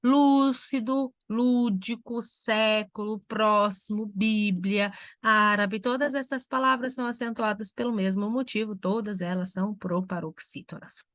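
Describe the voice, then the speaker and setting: A woman's voice: medium pitch, a bit bright, no echo. Woman teacher in a dry lecture. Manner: slow, spelled-out examples for students. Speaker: Portuguese language teacher. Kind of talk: recorded lecture.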